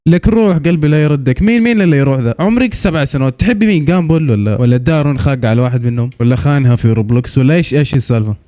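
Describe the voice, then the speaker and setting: A man's voice: mid-range voice, lively intonation, very fast, few pauses, mellow, slight background noise. A man doing sarcastic, incredulous comedic reaction commentary. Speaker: reaction video host.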